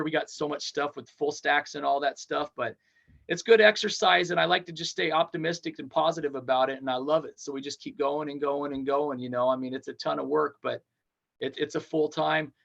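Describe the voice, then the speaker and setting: An upbeat man in his forties talks as a podcast guest, rambling cheerfully in long runs. His voice has a gravelly edge and sits a touch high. The audio is dull and lo-fi. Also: fairly bright tone. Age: 40s. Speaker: touring metal band frontman, podcast guest. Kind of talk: casual interview chat.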